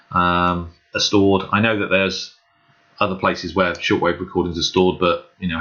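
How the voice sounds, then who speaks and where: Hosting a casual screen walkthrough for hobbyists, a man talks earnestly and without a script, hesitating as he goes. His voice sits low with a sharp tone, and the lo-fi microphone sounds dull and muffled.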